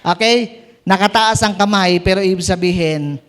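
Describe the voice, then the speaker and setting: A man preaching at a prayer meeting, animated, asking the congregation questions and joking with them. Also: high-pitched, normal speed. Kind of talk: Tagalog sermon at a prayer meeting. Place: church meeting room.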